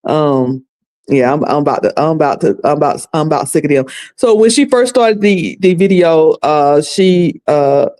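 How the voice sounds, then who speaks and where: This livestream host, a North Carolina woman with a Southern accent, has a deep, warm voice with lively intonation and a moderate pace. She runs a casual recap commentary stream, chatting in a folksy way and addressing viewers as "y'all" and "sugar."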